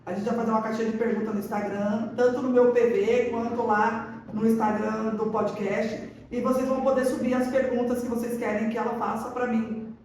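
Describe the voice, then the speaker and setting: A podcast guest with a voice on the high side talks a little fast as she gives a casual faith testimony, animatedly acting out the quoted dialogue in her stories. The room is echoey, the mic sits at a distance, and there's slight background noise.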